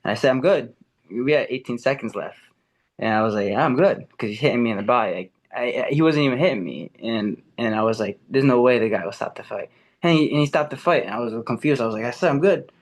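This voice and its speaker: A young American amateur MMA fighter of Ecuadorian and Puerto Rican family talks eagerly as a guest on a casual podcast interview. His medium-pitched voice is expressive and quick, packed with fillers and restarts.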